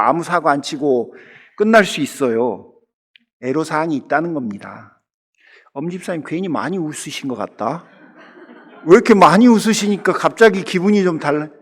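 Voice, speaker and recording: A middle-aged man from the Jeolla region of Korea delivers a Sunday sermon in a church. He sits a little high for a man and rides a very animated pitch line. He talks to the congregation directly and loosens them up with jokes. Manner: humorous, conversational preaching that keeps addressing the congregation. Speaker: pastor. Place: church sanctuary.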